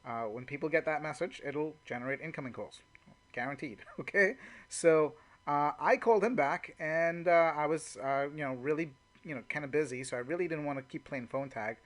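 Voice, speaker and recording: A network marketing trainer walks through call examples informally and off the cuff, saying "you know" a lot in his conversational, unscripted way. His voice is a little high and his pace normal.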